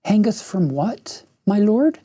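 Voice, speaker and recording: A man's voice: high voice, sing-song, slow pace, husky, pitched above the performer's own voice, full character voice. A man putting on a cooing, coaxing witch queen. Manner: soft, coaxing, lilting. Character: cooing manipulative female underworld queen.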